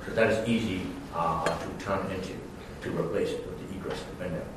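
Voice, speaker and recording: A man from Burma, speaking, testifies hesitantly at a township meeting in a lowish voice. He stands well back from the microphone. The meeting room rings with heavy echo and a faint hum. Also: steady tone, a little fast. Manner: hesitant, many fillers, non-native phrasing. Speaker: applicant at a township hearing. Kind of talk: formal testimony. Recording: very echoey room, mic far off.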